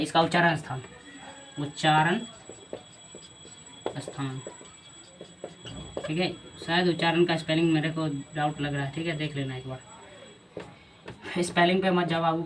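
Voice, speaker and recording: A man's voice: fairly high pitch, far from the mic, slight background noise. A male teacher with a Bihari Hindi accent giving a grammar lesson, often repeating key answers as questions to his students.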